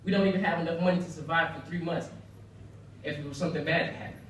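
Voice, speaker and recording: A man's voice: fairly high pitch, fairly even intonation, fast, fairly bright tone. A young American man delivers a prepared persuasive speech in an earnest, emphatic manner, leaning on rhetorical repetition. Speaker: speaker at a banquet. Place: indoor banquet room, heard from far off. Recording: very echoey room, distant mic, faint noise.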